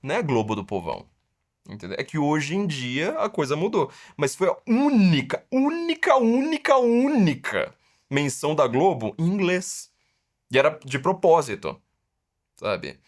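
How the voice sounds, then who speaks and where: A man's voice: a little high, sing-song, moderate pace. A middle-aged Brazilian man with a Brazilian Portuguese accent, hosting a casual podcast with a sarcastic, mocking way of stretching words for emphasis. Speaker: podcast host.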